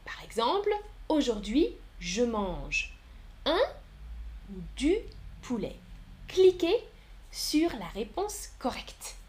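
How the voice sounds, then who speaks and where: A woman teaching a live-streamed French lesson, speaking slowly and clearly, counting aloud and answering viewers in the chat. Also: fairly high pitch, big pitch swings, a little mellow.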